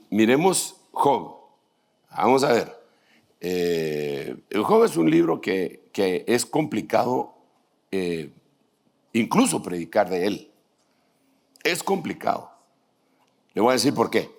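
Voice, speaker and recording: A man, teaching a group of pastors. His fairly low voice rises and falls with a lot of movement. He slips from reading scripture aloud into joking asides and back, keeping the sermon conversational. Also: sing-song, slow pace, gravelly, long pauses, a little mellow.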